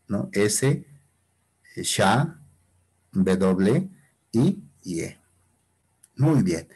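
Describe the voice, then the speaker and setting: Guy teaching quechua, slow and husky, keeps asking if everyone gets it. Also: lowish voice, a little mellow. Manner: explanatory, asks frequent tag questions. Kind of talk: online class lesson.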